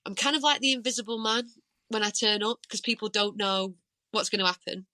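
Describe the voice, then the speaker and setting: A woman's voice: mid-range voice, steady tone, a little fast, sharp tone, no echo. A woman folk singer talking candidly as a guest in a casual interview. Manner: candid, chatty storyteller.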